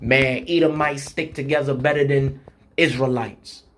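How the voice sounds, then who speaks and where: A man preaching an online sermon in a blunt, street-style manner, slowing down to read scripture with emphasis and using rhythmic repetition. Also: mid-range voice, steady tone. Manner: slows down and reads scripture with emphasis.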